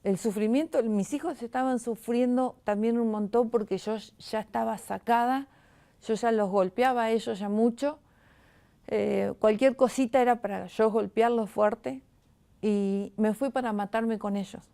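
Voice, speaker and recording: A middle-aged woman with a Rioplatense Spanish accent gives an emotional personal testimony as an interview guest. She speaks haltingly and often restarts her sentences. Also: a little high, steady tone, creaky, mellow, clear, resonant tone.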